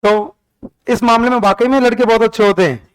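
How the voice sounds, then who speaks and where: Teaching history to a class, a man with a clear, high voice keeps things chatty and playful with his students. His tone stays steady and his pace is fairly quick, captured on a rough recording.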